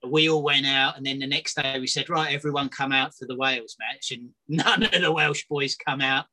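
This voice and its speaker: A man's voice: mid-range voice, fairly even intonation, normal speed, pushed and bright. A man from England co-hosting a beer review show, telling stories and joking in casual banter. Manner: storytelling, joking.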